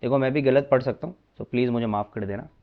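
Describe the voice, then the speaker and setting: A man's voice: medium pitch, fast talker, narrow, tinny audio. A man teaching a maths lesson in a chatty, coaxing way, often addressing students as brother.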